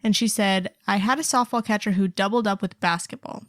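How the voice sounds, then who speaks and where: A woman's voice: medium pitch, brisk, no room sound. Woman co-host, casual and chatty, reads listener stories; dry, close mic. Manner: chatty, laughs often, many fillers. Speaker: podcast co-host.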